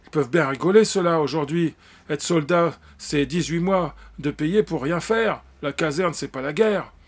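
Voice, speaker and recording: A man's voice: on the high side, normal speed, lightly acted. A man voicing a stern, hostile village stepmother in an audiobook reading. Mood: scornful.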